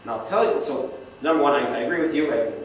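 A man's voice: on the high side, fast talker. A young man giving a casual slideshow talk to a club, self-deprecating and asking the audience questions. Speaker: guest speaker. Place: meeting hall. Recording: echoey hall, speaker far from the mic, faint noise.

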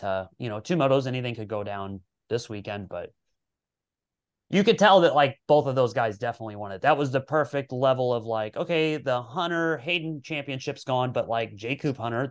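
A man in casual podcast chat, talking at an ordinary middle pitch. He rambles in long, relaxed runs and swears freely. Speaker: podcast co-host.

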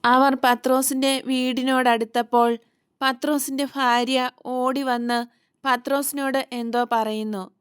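A woman narrates an audiobook at a slow, measured pace. Her voice is smooth and clear with a slightly high pitch. The recording is close and dry. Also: level tone, dry recording.

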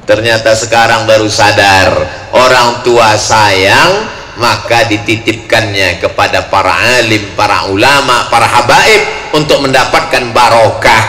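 A man from Riau, Sumatra, preaching a lively sermon to a crowd. He jokes, acts out quoted voices and breaks into sudden shouts. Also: medium pitch. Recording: echoey hall with long reverb, faint noise.

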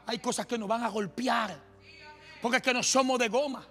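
High-pitched impassioned male preacher. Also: moderate pace. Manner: impassioned, often shouting, mixed with joking asides. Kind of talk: sermon. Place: church sanctuary. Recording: long hall reverb with faint music.

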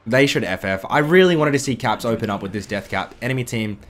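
Seated at a desk indoors, a young man breaks down a game replay in a casual, chatty way, his calm analysis punctuated by excitable bursts. The voice is medium-pitched, fast, and slightly croaky, with background music.

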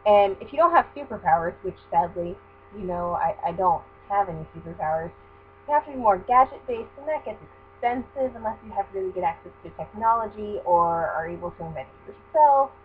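A woman's voice: mid-range voice, expressive, fairly quick. A woman in her twenties chatting casually in a rambling vlog, recorded on a webcam in a small bedroom. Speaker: vlogger. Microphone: built-in webcam mic. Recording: dull lo-fi webcam audio with faint hum.

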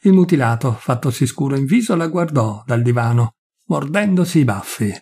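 A man reading a long story aloud as narrator, measured and expressive. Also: mid-range voice, breathy edge. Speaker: reader. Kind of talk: audiobook narration.

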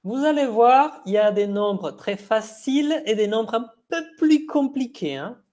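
A patient language teacher on a video call, talking at an unhurried, measured pace. They spell words out one letter at a time and move back and forth between Spanish explanations and French example words, in a voice of middling pitch. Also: expressive, darkish tone. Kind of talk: online language lesson.

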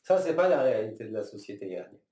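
Halting man in an echoey room. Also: on the low side, sing-song, dark tone. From Iran. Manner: thoughtful, halting, many restarts and fillers, gestures with both hands. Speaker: filmmaker being interviewed. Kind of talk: reflective interview answers. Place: small room, seated at a table. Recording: roomy, slightly distant sound.

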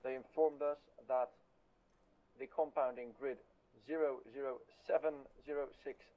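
A man reporting over a game's radio channel in formal, clipped military radio procedure, calm and methodical. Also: medium pitch, measured pace. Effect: heard over a game's radio channel. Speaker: player giving a situation report. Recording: dull, muffled radio sound.

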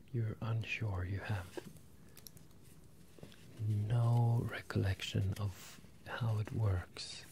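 Halting and hesitant, a twenty-something man whispers breathily and murmurs as a wizard professor who is bemused and apologetic with his student. The ASMR roleplay is captured on close ear-to-ear stereo microphones, with slight background noise.

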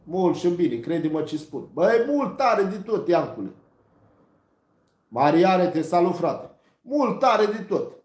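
A man telling a story on a live stream in rough slang, swearing often and quoting others. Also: sits high, very animated, darkish tone, reverberant. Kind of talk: casual storytelling.

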